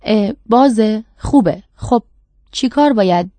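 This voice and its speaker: A woman's voice: medium pitch, big pitch swings, mellow, no room sound. A woman voicing an awkward, hesitant middle-aged father who trails off, in a storybook reading. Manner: halting, unsure.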